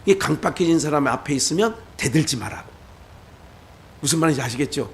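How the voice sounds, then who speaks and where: A middle-aged pastor with a Chungcheong accent preaches with a high, bright voice that swoops up and down. He keeps throwing questions at the congregation and acts out little quotes with a chuckle. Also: lively intonation, brisk, a little hiss or hum. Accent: Chungcheong Korean. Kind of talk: sermon.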